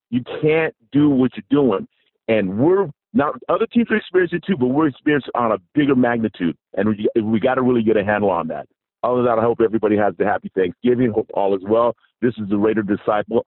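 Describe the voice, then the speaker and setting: Husky low man calling in on a phone line. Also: lively intonation, a little fast, no room sound. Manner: urgent, earnest. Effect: phone-line call-in voice. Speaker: radio show caller. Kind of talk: call-in speech to fellow fans.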